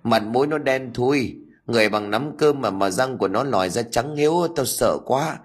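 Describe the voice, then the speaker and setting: A man's voice: medium pitch, moderate pace, slightly rough, natural voice. A man voicing a frightened, superstitious old grandfather who talks in a trembling, pleading way in a storybook ghost tale. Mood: terrified. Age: older.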